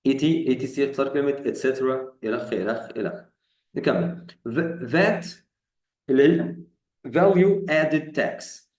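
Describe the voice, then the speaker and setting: A man's voice: mid-range voice, a little mellow, reverberant, distant mic, rough recording. A man with an Egyptian Arabic accent teaching English vocabulary, explaining each term in colloquial Arabic and asking his students questions. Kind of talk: vocabulary lesson.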